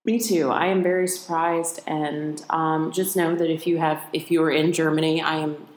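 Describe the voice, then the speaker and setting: A woman's voice: low voice, level tone, normal speed, roomy sound. A woman from the United States, co-hosting a podcast in casual, joking chat. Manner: joking, chatty. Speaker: podcast co-host.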